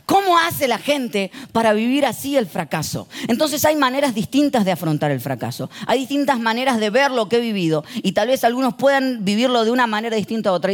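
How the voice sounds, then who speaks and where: A middle-aged pastor with an Argentine accent delivers a humorous sermon in a high voice. He tells stories with lively energy, acts out the characters himself and gets the congregation to repeat lines after him. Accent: Argentine Spanish. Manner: animated storyteller, acts out voices and asks the congregation to repeat phrases.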